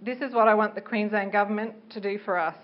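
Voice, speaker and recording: A woman's voice: medium pitch, fairly even intonation, quick pace. A middle-aged woman giving a prepared public speech as a parent campaigner, speaking earnestly and carefully like a reluctant speaker. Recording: dull, noisy live speech recording.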